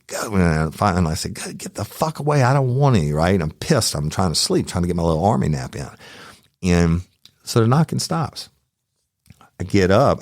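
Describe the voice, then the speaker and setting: A man's voice: low voice, darkish tone, dry recording, clean studio sound. A man hosting a true crime podcast, telling a story in a casual, profane and heated way.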